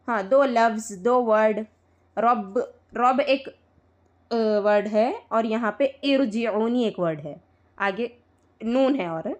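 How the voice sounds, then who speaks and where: A woman teaching Quran recitation rules to students, patiently repeating points, spelling out letters slowly and checking often that they follow. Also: fairly high pitch. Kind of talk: live tajweed lesson to students.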